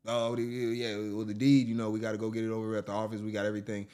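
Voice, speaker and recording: A man's voice: on the low side, flat delivery, rapid-fire, dark tone, clear, resonant tone, natural voice. A man doing a bragging fake landlord. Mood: boastful. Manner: rambling, name-dropping brag. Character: boastful smooth-talking male property scammer.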